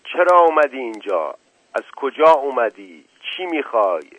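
A man voicing a loud village man bluntly questioning a stranger, heard on a tinny radio recording. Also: fairly high pitch, animated, no room sound, pitched above the performer's own voice. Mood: demanding.

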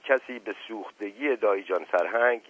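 A man reading a comic novel aloud on a radio book program, with lively dramatic narration, over a muffled phone-like line. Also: on the low side, breathy edge.

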